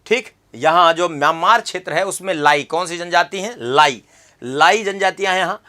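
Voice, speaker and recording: A man's voice: high voice, normal speed, pushed and bright. A man teaching an exam-prep geography lesson, repeating key terms and quizzing the viewer with questions.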